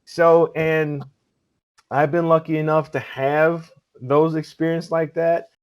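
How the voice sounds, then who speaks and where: Male guest, casual and friendly, a touch higher pitched, earnest advice. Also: takes it slowly, smooth. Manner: relaxed and chatty, acts out quoted exchanges; earnest advice-giving, repeats for emphasis. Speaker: cosplay host and contest judge. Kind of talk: casual interview chat.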